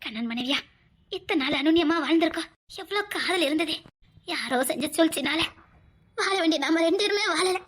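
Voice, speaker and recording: Give me a woman playing a long-suffering devoted wife, tearful, with a Tirunelveli accent and a very high voice. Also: lively intonation, a little fast, a bit bright. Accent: Tirunelveli Tamil. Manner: tearful, earnest, emotional. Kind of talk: family drama skit.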